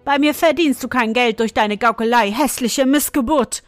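A furious market mother from a read-aloud fairy tale, put on by a woman narrator. She scolds in a high, raised voice. A faint bed of music plays underneath. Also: slow, no echo. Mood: angry. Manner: scolding, shrill.

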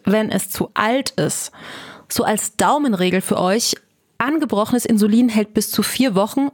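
Eine Moderatorin erklärt in einem Gesundheitsformat und spricht die Zuschauer direkt an. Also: female voice, mid-range voice. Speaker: presenter. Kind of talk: scripted health explainer.

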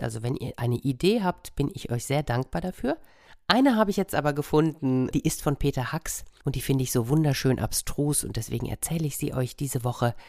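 A man reads a story to children, playful and lively, often turning to his listeners with little asides. His voice sits at a middle pitch and is recorded close and dry, with no room sound. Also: no room sound.

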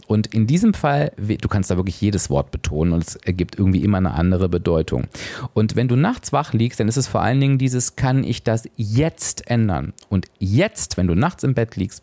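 A man's voice: sits low, dark tone, no echo. A man hosting a solo podcast as a coach, speaking straight to the listener and often adding tag questions.

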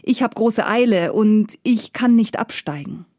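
A woman voicing a carefree young male traveler who speaks briskly. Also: fairly high pitch, lively intonation, mellow, dry recording, clean studio sound. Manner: brisk and light.

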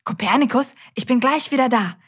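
Cheerful, slightly husky woman host. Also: high-pitched, animated, brisk, fairly bright tone. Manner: cheerful, talks straight to the children. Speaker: children's show host. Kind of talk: scripted children's audio show.

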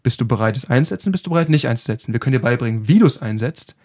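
A man talking fast at a middle pitch in a casual podcast chat. He explains his points as a self-defence trainer, stacking thoughts quickly and checking in with short tag questions. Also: animated, a little mellow.

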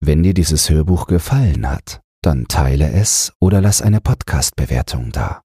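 A man reading rhyming verse aloud for an audiobook podcast, in a measured, rhythmic way. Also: a bass voice, expressive, dark tone, husky, no echo, clean studio sound.

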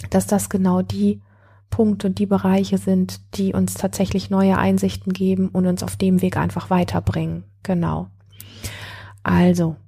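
A woman's voice: medium pitch, warm tone, slightly rough. A woman hosting a podcast, talking directly to the listener and often searching for words. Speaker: podcast host. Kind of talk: podcast monologue.

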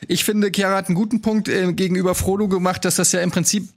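Ein Mann, der locker und mit vielen Füllwörtern eine Diskussionsrunde moderiert. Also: male voice, high voice, steady tone, fast talker. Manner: loose, many hesitation fillers. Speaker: host, moderator. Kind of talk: moderating a panel discussion.

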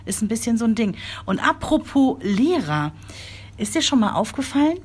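Husky-voiced woman chatting casually. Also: a little high, big pitch swings, darkish tone. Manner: supportive listener, quick interjections. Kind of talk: casual chat.

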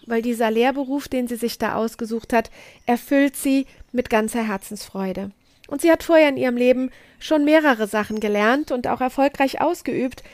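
A middle-aged woman hosting a podcast, giving a slow, emphatic motivational talk and repeating key phrases for weight. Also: on the high side, no echo. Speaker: podcast host and coach.

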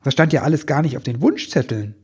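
Man as a slightly raised, husky elf woman, practical and doubtful. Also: fairly high pitch, lively intonation, fast talker, voice pushed up. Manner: questioning, doubtful. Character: practical female elf, questioning and cheerful.

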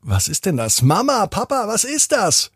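A curious little boy from a bedtime storybook, wide-eyed and easily startled, as a man puts him on. The voice jumps up very high, well above a man's usual range. It keeps a slight rasp underneath. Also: wildly swooping pitch, normal speed, dry recording, studio quality, heavily acted.

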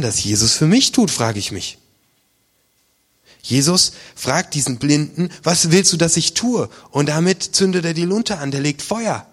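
A man preaching a sermon as pastor, in a colloquial, vivid way that acts out the voices he quotes. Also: a little high. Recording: long reverb of a large hall.

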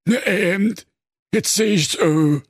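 A high, husky Saxon dimwit brother. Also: male voice, slow, no echo, studio quality, full character voice. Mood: fretful. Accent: Saxon German. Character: bumbling middle-aged male fairy-tale brother, slow-witted. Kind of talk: comic audio storytelling.

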